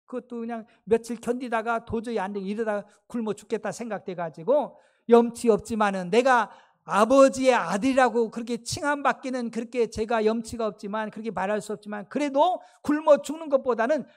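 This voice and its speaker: A male pastor preaching a sermon in a church, retelling a story lively and often asking the congregation questions. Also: very high-pitched. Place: church sanctuary.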